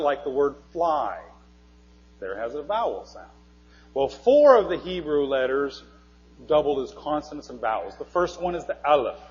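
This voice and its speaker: A man giving a live classroom lecture, quizzing his audience in a friendly, teacherly way. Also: fairly high pitch. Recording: dull recording in a long-reverb hall.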